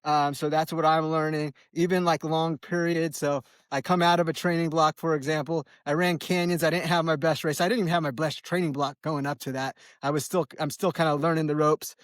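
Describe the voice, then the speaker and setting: A man's voice: a little high, steady tone, a little fast, few pauses, no echo, clean studio sound. An American man in his early forties chats casually and ramblingly for a vlog while running outdoors on a trail, in a laid-back, slangy way. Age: early 40s. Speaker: trail runner vlogging.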